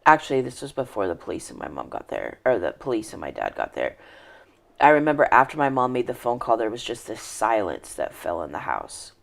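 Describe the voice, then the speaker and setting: A woman's voice: very deep voice, very animated, brisk, gravelly. A woman telling her personal life story in an interview, earnest and reflective, often trailing off and restarting her sentences. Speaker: podcast guest.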